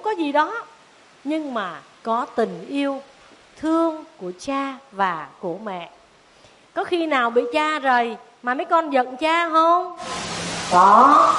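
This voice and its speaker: A Buddhist nun, telling a story to children in a dharma talk and asking them questions. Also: female voice, high voice. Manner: animated, asks the children questions.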